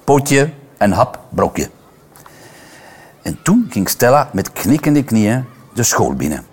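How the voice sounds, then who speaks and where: A man reading a children's story aloud, expressive and playful, switching into voices for the characters. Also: medium pitch, takes it slowly, husky. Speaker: reader.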